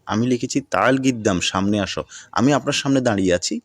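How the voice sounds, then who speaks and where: A man teaching a video language lesson, who repeats phrases slowly and mixes English words into his explanations. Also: mid-range voice, no echo.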